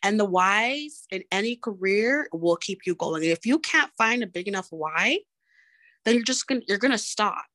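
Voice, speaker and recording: A woman's voice: mid-range voice, lively intonation, moderate pace, a bit bright, no echo. A woman entrepreneur and nurse answering interview questions earnestly, repeating her points and laughing often.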